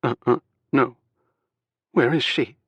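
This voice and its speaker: A man's voice: mid-range voice, expressive, moderate pace, fairly bright tone, slightly rough, no echo, pitched above the performer's own voice. A man voicing a frightened young wife who is crying, her voice cracked and aching, in an audiobook. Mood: frantic.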